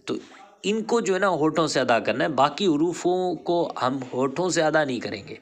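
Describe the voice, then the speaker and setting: A man's voice: on the high side, expressive. A man teaching a Quran reading lesson, patiently spelling out letter sounds one by one and encouraging his student to repeat them. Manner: encouraging, praises the learner. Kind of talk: recorded online lesson.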